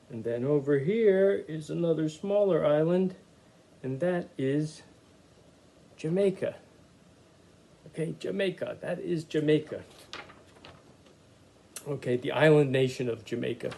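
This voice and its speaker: A man teaching a recorded art lesson for children, chatty and unhurried, with many "uh" fillers as he explains. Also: mid-range voice, gravelly, mellow.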